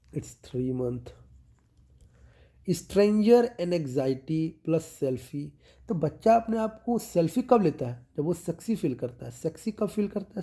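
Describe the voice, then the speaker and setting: A man teaching as a medical exam tutor, explaining milestones with mnemonics and checking in after each point. He slows down and drops his voice to stress key terms. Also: a little high, warm tone.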